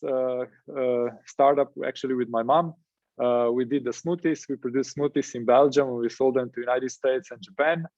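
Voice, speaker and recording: A man in his thirties from Slovenia, introducing himself as a guest in an informal, relaxed way. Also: mid-range voice, no echo. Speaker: guest investor. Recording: dull dry call audio.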